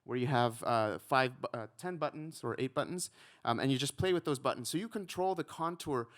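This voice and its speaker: A man from Ecuador, likely in his thirties, giving a relaxed conference talk with frequent ums and a self-deprecating touch. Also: medium pitch, fairly quick. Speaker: conference speaker, researcher.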